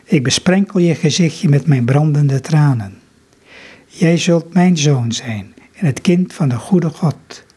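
Guy reading out a sad medieval monk talking softly to a baby, slightly high and husky. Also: takes it slowly. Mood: tender. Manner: earnest, reading aloud. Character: grieving medieval monk tenderly adopting a baby.

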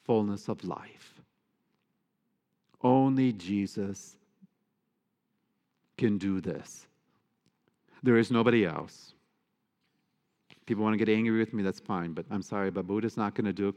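A man's voice: on the low side, normal speed, pauses often, darkish tone. A man, a priest, giving a sermon with earnest emphasis and playful asides. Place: church. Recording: long church reverb.

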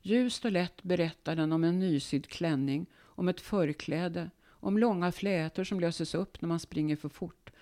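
Woman reading her memoir calmly. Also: on the low side, few pauses. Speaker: guest author.

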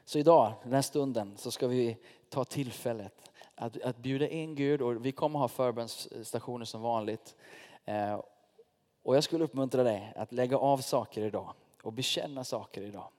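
A man's voice: mid-range voice, darkish tone. Male pastor, casual conversational preaching, recorded in a church with long reverb. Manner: informal, direct address to the congregation, personal stories. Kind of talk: sermon.

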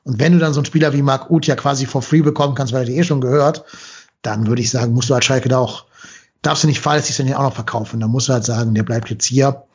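A man talking quickly and matter-of-factly in a casual football chat. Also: mid-range voice, steady tone, husky. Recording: dull lo-fi sound.

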